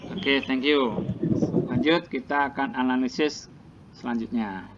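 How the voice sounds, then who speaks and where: A male teacher giving a classroom lecture, explaining slowly and repeating each point in translation. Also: mid-range voice. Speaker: English teacher. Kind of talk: classroom lecture, mixing languages. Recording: dull lo-fi classroom recording with clear noise.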